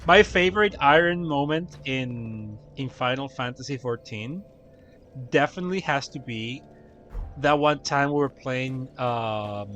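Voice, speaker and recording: A man's voice: medium pitch, fairly bright tone, slight background noise. A young man streaming a game, chatting casually and telling stories with laughter and frequent swearing. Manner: laughing, profane, rambling storytelling. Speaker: gaming streamer. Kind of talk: casual chat while playing.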